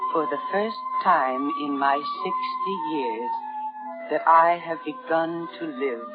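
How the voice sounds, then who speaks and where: Slow and breathless, a woman voices a sixty-year-old spinster in an old-time 1950s radio drama, a timid, naive, lovestruck diarist. Her fairly low voice sounds dreamy and excited as she narrates her diary hesitantly and dramatically. The broadcast is muffled, with music.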